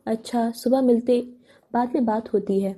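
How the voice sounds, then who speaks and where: A curious, teasing young man, voiced by a woman reading an audiobook keeps prodding his friend with questions. The voice is dark and mellow, a touch high. It is part of a romance novel read aloud. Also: steady tone, lightly acted.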